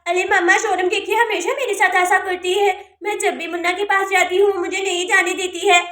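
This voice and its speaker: Lady voicing a sulky little girl doll, whiny, super high and bright. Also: steady tone, brisk, reverberant. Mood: complaining. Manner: whiny, complaining. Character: sulky young girl doll, quick to quarrel.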